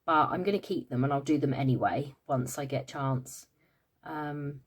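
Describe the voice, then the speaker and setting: A woman's voice: very deep voice, moderate pace, breathy edge. A British woman in a casual budgeting vlog, tired and yawning, counting money aloud with many "um" fillers. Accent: British English. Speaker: budgeting vlogger. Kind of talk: casual cash-stuffing vlog chat.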